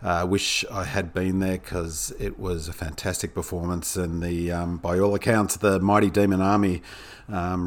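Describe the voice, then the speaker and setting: An Australian man with a croaky, hoarse voice from being sick, giving an informal, opinionated sports podcast monologue in a halting way. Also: deep voice. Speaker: podcast co-host, football pundit.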